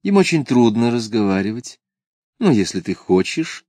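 A man's voice: medium pitch, very animated, moderate pace, dry recording. A prim, fretful genteel lady, as a man puts her on, speaking in a raised, fussy tone. Dry, close recording. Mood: hesitant. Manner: prim, fretful, with hushed theatrical asides.

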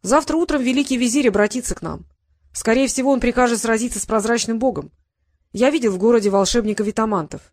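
A woman doing a gruff fatherly dragon. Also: fast talker, a little mellow, natural voice. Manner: rumbling and good-natured. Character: big fatherly male dragon, gruff but kind.

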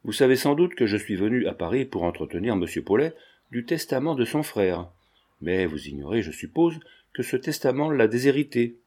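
A man voicing a polite, formal middle-aged notary who speaks in a measured, precise way. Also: mid-range voice, sing-song, darkish tone, slightly rough.

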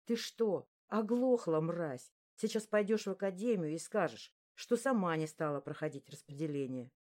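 A woman's voice: lowish voice, animated, moderate pace, darkish tone, lightly acted. Woman voicing a hissing young male bully. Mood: menacing. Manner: menacing, hissing threats.

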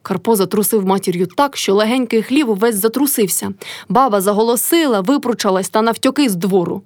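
A woman narrating a classic novel in an expressive audiobook reading. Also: medium pitch, a little fast, dry recording. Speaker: reader.

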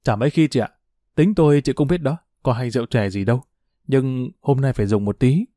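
A man's voice: mid-range voice, a little fast, dark tone, no room sound, studio quality, close to an everyday voice. A man voicing a shy, polite male lodger. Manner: polite, hesitant.

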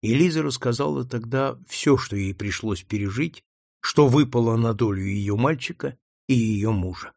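A man narrating a classic novel in a measured storytelling manner. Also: medium pitch, vocal fry, a little mellow, dry recording, clean studio sound. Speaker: audiobook narrator. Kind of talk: scripted narration.

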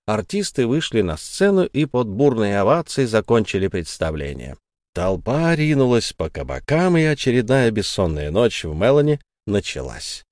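A man narrating an audiobook story in a measured storytelling manner. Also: lowish voice, a little mellow, no room sound, clean studio sound.

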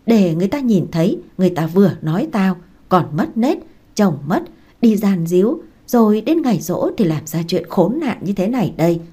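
A woman's voice: medium pitch, big pitch swings, moderate pace, warm tone, husky. A woman voicing an enraged older mother-in-law who screams curses at her daughter-in-law. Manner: screaming abuse, cursing.

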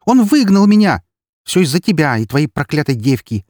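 A man voicing a shrill, furious elf woman. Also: lively intonation, a little fast, husky, no room sound, clean studio sound. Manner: shrill, hissing and shouting.

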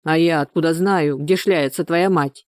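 A woman reading the lines of a pushy, hot-tempered married man in an urgent, gruff manner. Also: low-pitched, normal speed, a little mellow, no echo, clean studio sound, natural voice. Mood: irritated.

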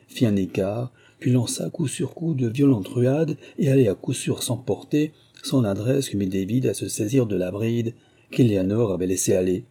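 Male audiobook narrator, deep-set dark timbre, measured literary read. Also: husky.

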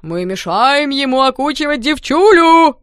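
A woman voicing a gang of rowdy teenage boys who jeer and shout at a couple. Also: high voice, animated, unhurried, no room sound, studio quality, voice pushed up. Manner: shouting, jeering.

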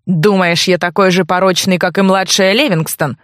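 A woman's voice: on the low side, animated, a little slow, no room sound, studio quality. A woman voicing an angry, suspicious young nobleman who barks harsh threats. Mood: furious.

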